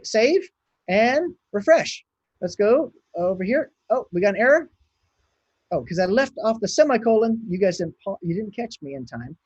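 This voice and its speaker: A man's voice: high-pitched, darkish tone, breathy edge, dry recording, dull audio. A man from Hawaii giving a conference talk, thinking aloud and chatting as he runs a live coding demo. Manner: chatty, thinks aloud while clicking and typing. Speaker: conference speaker.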